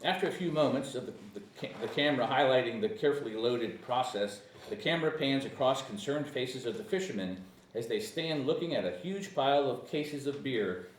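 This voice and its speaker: Reading the action lines at a comedic table read, a man speaks in an animated, fairly quick mid-range voice, casually stumbling and chuckling. The mic is far away in an echoey room, and faint noise can be heard.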